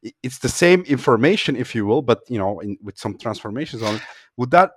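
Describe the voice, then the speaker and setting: A man hosts a relaxed discussion and challenges his guest's arguments as a devil's advocate. His voice sits at an ordinary mid pitch and is recorded close and dry. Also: brisk, breathy edge, no echo. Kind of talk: casual discussion.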